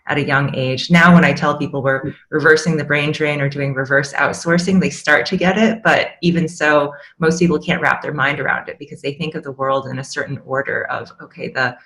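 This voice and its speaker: A woman's voice: low-pitched, steady tone, brisk, few pauses, a bit bright. A woman, a startup CEO on an online panel, speaking in an articulate, reflective way. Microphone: video call.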